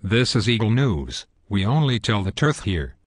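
A man's voice: lowish voice, sing-song, normal speed, dry recording, studio quality. A synthetic male voice playing a smug, belligerent parody news anchor in a scripted cartoon newscast, stiff and pompous.

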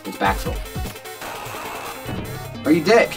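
An excitable man doing casual let's-play commentary, with a lively voice that jumps around in pitch. Faint game music plays underneath. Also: slow pace. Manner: excitable, jokey, shouts at the game.

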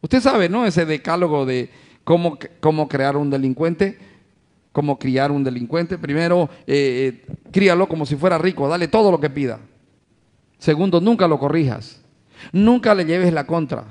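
A pastor preaches in a fairly high male voice, calling his listeners brothers. He leans on rhetorical questions and acts out little scenes of home life to drive each point home. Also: expressive, normal speed, darkish tone. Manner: addresses the congregation as brothers. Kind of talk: sermon.

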